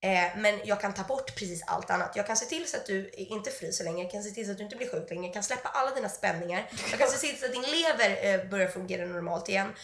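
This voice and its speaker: A woman quoting a confident female acupuncturist who makes calm, steady promises in a slightly lower, softer voice. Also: hardly any pauses, roomy sound, close to an everyday voice. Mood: reassuring.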